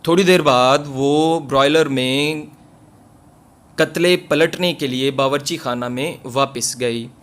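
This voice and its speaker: A man teaching English, reading each phrase slowly and giving several translations for it, one after another. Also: mid-range voice, a bit bright. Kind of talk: line-by-line reading and translation lesson.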